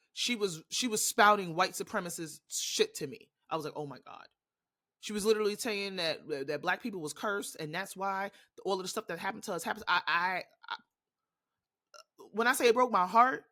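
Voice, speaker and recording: A woman's voice: mid-range voice, moderate pace, bright, forceful tone. A woman with a New York accent hosting a podcast, ranting in a blunt, profane, impassioned way in a casual monologue. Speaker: podcast host.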